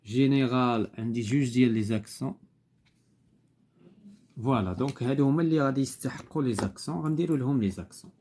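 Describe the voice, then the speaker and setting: A man's voice: mid-range voice, fast talker, dark tone, a little hiss or hum. A man with a Moroccan accent, a teacher patiently explaining homework step by step and spelling out letters.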